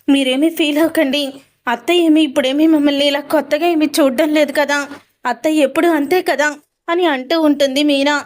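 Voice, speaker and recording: Woman narrator, high voice, recaps a soap episode and reads the characters' lines out without acting them. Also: a little mellow. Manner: recounts dialogue in quotes with frequent "ani antu untundi" tags. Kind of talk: retelling a TV serial episode.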